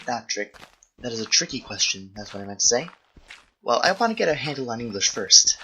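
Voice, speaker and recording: A pushed, bright mid-range voice with a breathy edge comes through poor audio. It belongs to a young adult video host who rambles casually while gaming, answering viewer questions, thinking aloud and often self-correcting.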